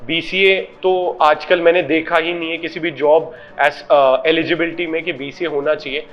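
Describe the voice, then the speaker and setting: A man's voice: fairly high pitch, little pitch movement, moderate pace, muffled recording. Man, interview host, talks to viewers, faint background music. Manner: addresses viewers directly, mixes English into Hindi. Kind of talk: interview questions.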